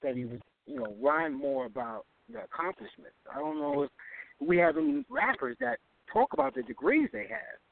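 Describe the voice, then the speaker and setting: A man's voice: sits high, big pitch swings, normal speed, creaky, slight background noise. A man calling in to a radio show on the phone from his car while he drives. He is earnest and repeats points for emphasis. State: driving while on the call. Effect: phone call from a moving car, muffled. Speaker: caller. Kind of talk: casual call-in chat. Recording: muffled phone line from a car.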